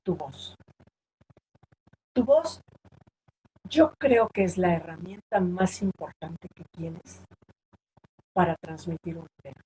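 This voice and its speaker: A woman's voice: takes it slowly, pauses often, slightly rough, poor audio. A woman giving a workshop on online presentations, talking emphatically and raising or dropping her voice to demonstrate her points. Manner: emphatic, shifts pitch and loudness to demonstrate points. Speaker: public speaking trainer.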